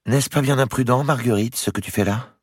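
Un homme qui prête sa voix à une jeune femme noble, langoureuse et gémissante, dans un livre audio. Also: male voice, mid-range voice, brisk, slightly rough, no echo, studio quality, voice pushed up, close to an everyday voice. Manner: plaintive, languid. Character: young noblewoman, languid, pleasure-seeking.

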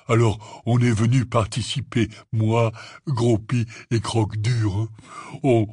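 A man voicing a huge, big-hearted bearded half-giant gamekeeper who talks loud, breathless and gushing. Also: lowish voice, breathy edge, no room sound, studio quality.

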